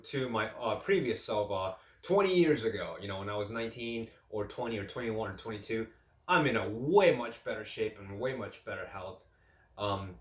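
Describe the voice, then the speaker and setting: A man in his late thirties chats casually about his eating routine, circling and restarting his sentences as he goes. His voice sits at an ordinary middle pitch. The room around him is echoey. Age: late 30s. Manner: rambling, repeats and restarts phrases. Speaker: fitness vlogger. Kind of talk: casual talk to camera.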